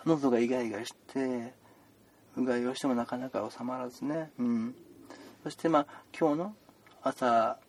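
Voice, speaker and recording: A man's voice: medium pitch, steady tone, normal speed, a little mellow, slight background noise, lightly acted. A man playing a chatty male doctor who rambles with puns and mock-stern scolding, in an improvised comedy role-play. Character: chatty joking male doctor seeing patients.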